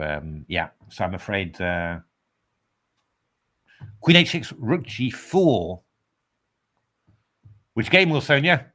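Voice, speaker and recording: A man's voice: deep voice, a bit bright. A man commentating live on a chess game in a casual way, hesitating with lots of fillers and restarts.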